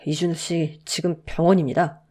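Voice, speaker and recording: A woman voicing a formal, brisk official who reports an accident. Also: sits low, little pitch movement, warm tone. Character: formal official caller from police or hospital.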